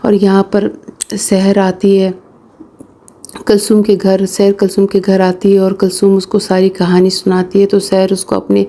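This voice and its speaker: A woman's voice: mid-range voice, monotone, warm tone. A woman casually retelling a drama episode's plot, talking to viewers as friends with frequent fillers. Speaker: episode recap narrator.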